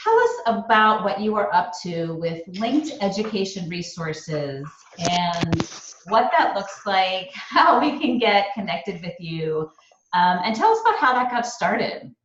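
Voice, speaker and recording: A woman's voice: medium pitch, sing-song, measured pace, fairly bright tone, echoey room, highs cut off, a little hiss or hum. A woman podcast host chatting with a guest, enthusiastic and casual, with lots of "like" fillers. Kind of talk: casual interview chat.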